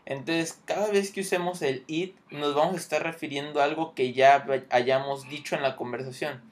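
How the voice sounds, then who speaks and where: A man's voice: a little high, steady tone, normal speed. A man teaching English grammar, explaining patiently and checking in often.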